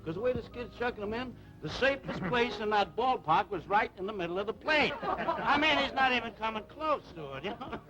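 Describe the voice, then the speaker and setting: An actor playing a jovial team manager who tells a baseball story with chuckles in a 1950s TV drama. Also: male voice, high-pitched, lively intonation, brisk. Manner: chatty, laughing storyteller. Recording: dull old TV broadcast with music.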